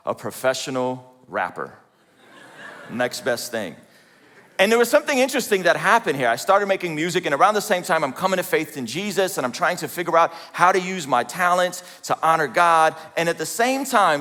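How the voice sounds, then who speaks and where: A man's voice: on the high side, sharp tone. Man speaking in an echoey hall. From Azerbaijan. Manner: conversational, self-deprecating, asks the audience questions. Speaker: speaker at a church event. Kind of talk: humorous personal testimony talk. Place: large hall with a live audience. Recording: reverberant hall.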